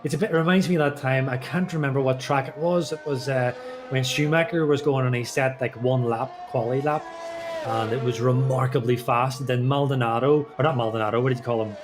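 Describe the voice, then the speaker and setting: A man's voice: mid-range voice, steady tone, fairly quick, music in the background. A man co-commentating a sim race, chatty and rambling through anecdotes with lots of fillers.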